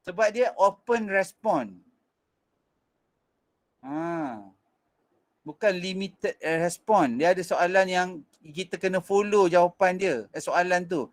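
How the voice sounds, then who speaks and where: A Malaysian man teaching an online physics revision class, mixing in English, with frequent fillers and restarts. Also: high voice.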